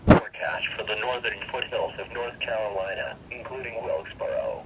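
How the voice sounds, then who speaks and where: On a noisy, distant-sounding weather radio broadcast, a male announcer with a lowish, fairly quick voice reads a scripted forecast in a synthesized, formal and impersonal manner.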